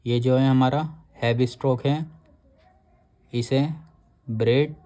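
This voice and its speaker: A male shorthand teacher talks through his lesson at an unhurried, deliberate pace. His voice is dark and mellow, with an ordinary middle pitch. He explains patiently and drags out each word when he reads a rule aloud. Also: fairly even intonation.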